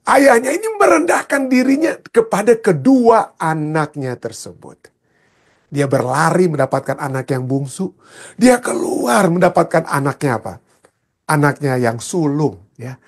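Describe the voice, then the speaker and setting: A man's voice: a little high, breathy edge. A man preaching a sermon as a pastor, emphatic, often asking the congregation a question and answering it himself.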